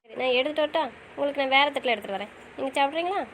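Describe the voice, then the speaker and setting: A woman's voice: sits high, animated, very fast, fairly bright tone, a little hiss or hum, rough recording. A woman playing a wife in an audio drama, pleading and pressing with questions. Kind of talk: casual audio drama acting.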